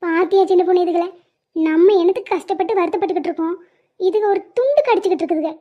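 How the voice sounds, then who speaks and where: A woman's voice: very high-pitched, rapid-fire. A woman voicing a worried working-class mother in a cartoon. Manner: earnest, weary, worried. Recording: dull lo-fi sound.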